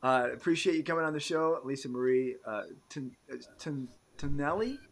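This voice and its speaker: American guy hosting a live stream, rambly, lots of ums, gets loud then quiet, webcam mic. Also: medium pitch, fairly even intonation, brisk, crowd noise. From United States. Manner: rambling, loud swings in volume, many fillers. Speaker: show host. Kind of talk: casual live-stream interview chat.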